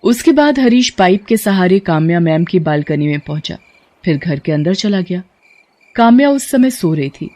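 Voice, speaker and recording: In this scripted audio story, a woman with a lowish voice speaks at a normal speed as narrator for a bedtime tale. She keeps a steady storytelling rhythm and also plays the teacher, whom she makes firm and scolding.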